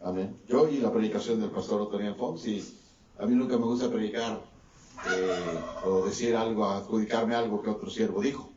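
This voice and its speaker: A man's voice: normal speed, a little mellow, slight background noise. A pastor delivers a sermon, his voice climbing and dropping as he preaches. He sounds set back from the microphone in a roomy church hall. The sound is dull and muffled. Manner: preaching with swings between raised and lowered voice. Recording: distant echoey church mic, dull sound.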